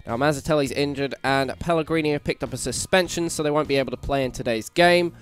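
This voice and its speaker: A man's voice: mid-range voice, quick pace. Hungover British man commentating on games. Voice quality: slightly croaky from hangover. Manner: hungover, self-deprecating. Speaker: gaming YouTuber, host. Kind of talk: casual video game playthrough commentary. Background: background music.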